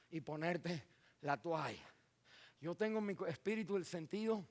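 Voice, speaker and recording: Animated high-voiced preacher man. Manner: animated preaching, acting out scenes, shouting at peaks, mixing in English words. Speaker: pastor. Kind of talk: sermon. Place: church.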